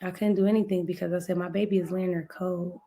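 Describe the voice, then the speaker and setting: Podcast guest, woman, middle-aged, from ohio, gravelly voice, tells her story and acts out the quotes. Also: on the low side, level tone, fast, mellow. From Ohio, USA. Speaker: podcast guest, speaker and author. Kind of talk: emotional personal storytelling.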